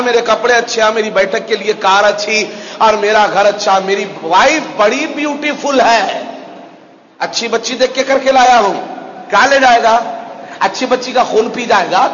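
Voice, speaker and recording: A man delivering an impassioned sermon, swinging from loud outbursts to hushed, sorrowful passages and chanting scripture in places. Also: sits high, a little hiss or hum. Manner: recites Arabic scripture in a chanting tone. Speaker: preacher. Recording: dull, reverberant hall recording.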